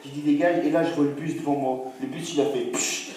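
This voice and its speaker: High-voiced young comedian in a live room. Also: male voice, fairly quick. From France. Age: young adult. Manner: animated storytelling, acting out characters in shifting voices. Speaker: stand-up comedian. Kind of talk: stand-up comedy routine. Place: comedy venue with audience. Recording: distant echoey live room with crowd noise.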